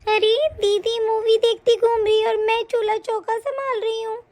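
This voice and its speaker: A woman's voice: very high-pitched, little pitch movement, normal speed, darkish tone. A woman voicing a pregnant, hard-working younger daughter-in-law in a cartoon story, firm and lecturing. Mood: complaining. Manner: firm, lecturing, matter-of-fact. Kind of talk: cartoon voice acting.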